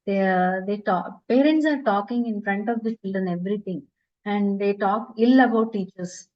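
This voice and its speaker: A woman's voice: mid-range voice, normal speed. Woman trainer on lo-fi video call. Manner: earnest, advice-giving, many hesitations. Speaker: teacher trainer answering questions. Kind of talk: online webinar Q&A. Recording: lo-fi online call audio.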